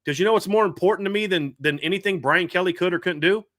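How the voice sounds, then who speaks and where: A man hosting a live sports talk show, talking in an animated, rambling way with frequent restarts. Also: sits high, quick pace, no echo, studio quality. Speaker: podcast host.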